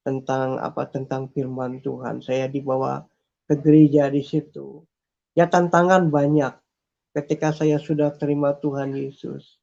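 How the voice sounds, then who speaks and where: A man telling his personal faith testimony in an earnest way, repeating phrases and pausing with fillers. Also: mid-range voice, gravelly, darkish tone. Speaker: testimony speaker. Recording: dull lo-fi recording.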